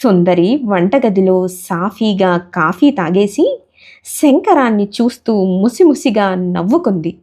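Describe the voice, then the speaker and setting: Female storyteller, unhurried, comic family story narration. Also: mid-range voice. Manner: slow, expressive storytelling.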